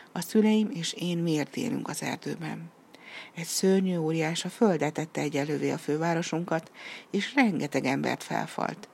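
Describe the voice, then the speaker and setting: A woman's voice: sits low, gravelly, husky, exaggerated voice. A woman voicing a sighing young princess. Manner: gentle, sighing storybook voicing. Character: sad, kind young princess waiting for a prince.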